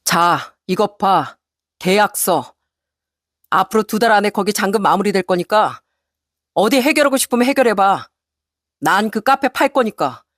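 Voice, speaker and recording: A woman voicing a cold, resolute middle-aged husband in a spoken story, talking flatly and deliberately. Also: mid-range voice, dry recording, clean studio sound, lightly acted. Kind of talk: storybook radio narration.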